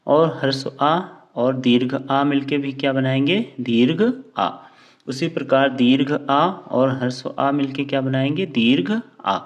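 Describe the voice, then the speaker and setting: A man's voice: medium pitch, dull audio. A man teaching a grammar lesson. He asks a question and then answers it himself, drawing out each example word. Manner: slow, drawn-out words when spelling out examples.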